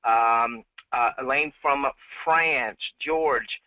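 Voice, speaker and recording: Speaking very slowly at a medium pitch, a man hosts a live webinar for his team on a headset. His manner is upbeat but repetitive and heavy with fillers. The line sounds dry and tinny like a phone, without any echo.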